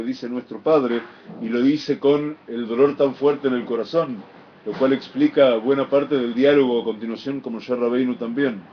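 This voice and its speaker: A man teaching a Torah lesson, explaining Hebrew text with expressive emphasis and chanted phrases. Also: medium pitch, slight background noise. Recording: dull lo-fi recording.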